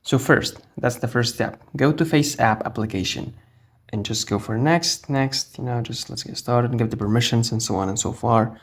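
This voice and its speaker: A man's voice: mid-range voice, normal speed, husky. A man hosting a casual how-to video, talking the viewer through an app step by step. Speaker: tutorial host.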